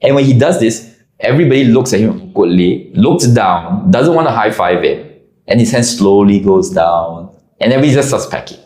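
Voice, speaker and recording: A man telling a casual anecdote with an animated, expressive delivery. His pitch moves around a lot as he talks. The recording has a noticeable roomy echo. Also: normal speed. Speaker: storyteller. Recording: echoey room.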